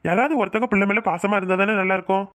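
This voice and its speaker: A man voicing a doting, easygoing young father in a cartoon, gentle and indulgent. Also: high voice, steady tone, rapid-fire. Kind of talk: cartoon voice acting.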